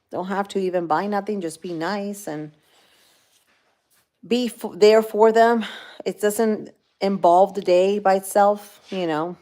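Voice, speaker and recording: A woman with a medium-pitched, slightly mellow voice and a Cuban accent, raised in Florida, hosts a casual livestream. She rambles to her viewers while reading their comments, speaking straight to them and using lots of fillers.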